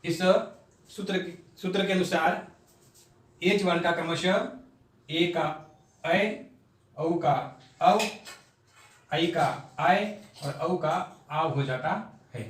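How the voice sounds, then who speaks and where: A man's voice: on the high side, distant mic. A man teaching a grammar lesson at a board, explaining step by step and sounding out syllables one at a time. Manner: slow, step-by-step explaining, repeating syllables aloud. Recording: echoey room, voice off-mic.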